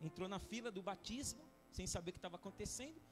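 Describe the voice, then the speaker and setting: A man's voice: high voice, animated, rapid-fire, long reverb tail, faint music behind. A man pastor preaching a fervent sermon in a church, mixing scripture with joking asides.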